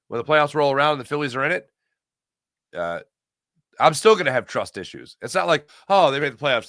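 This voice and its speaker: An American man from Pennsylvania hosts a sports talk livestream in a pushed, bright, mid-range voice with clean studio sound and no echo. He chats casually and emphatically with viewers about sports, often repeating phrases to drive a point home.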